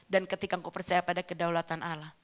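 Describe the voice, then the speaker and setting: A middle-aged woman pastor, preaching a sermon that moves between hushed, slow testimony and loud, emphatic exhortation. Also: fairly low pitch, little pitch movement.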